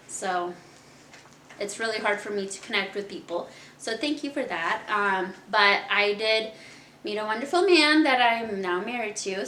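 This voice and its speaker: A woman's voice: medium pitch, a bit bright, a little hiss or hum. A young woman from Kazakhstan hosting her own podcast, telling her life story in a chatty, candid way and laughing often. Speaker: podcast host. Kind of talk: casual personal storytelling. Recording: echoey room.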